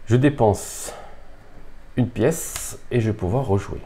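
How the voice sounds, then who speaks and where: Low and mellow, this man's voice moves slowly as he presents and plays a board game in an unscripted, casual demonstration. He thinks aloud hesitantly while explaining, with background noise and room ambience in the recording.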